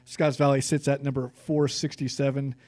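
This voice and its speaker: Californian male co-host, casual stat-heavy chat, warm tone, dry mic. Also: medium pitch, moderate pace, no room sound. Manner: reads stats, relaxed and conversational. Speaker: sports podcast co-host.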